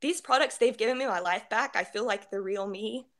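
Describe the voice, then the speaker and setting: A woman tells her own story, tearful and heartfelt. She talks in loose, rambling phrases full of "um" and "like", her voice at a middle pitch. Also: brisk, a bit bright. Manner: tearful, heartfelt, many fillers. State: crying at times. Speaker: guest sharing a testimonial. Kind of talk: emotional personal testimony.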